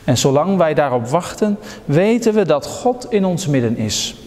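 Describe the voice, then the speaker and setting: A man reading the part of Jesus in a children's story, calm and kindly. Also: on the high side, moderate pace, long reverb tail. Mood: patient. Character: a gentle patient adult male Jesus.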